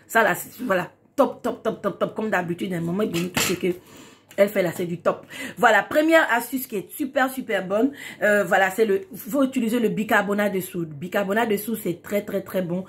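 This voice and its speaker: A woman's voice: mid-range voice, a little fast. A woman hosting a casual beauty tutorial, talking emphatically and repeating key words for stress. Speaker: beauty tips host.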